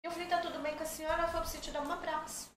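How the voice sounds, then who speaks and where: A woman's voice: very high voice, very fast. A middle-aged woman telling stories as a podcast guest, chatty and joking. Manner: chatty, jokey, animated storyteller. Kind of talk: casual storytelling chat. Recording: echoey room, faint background noise.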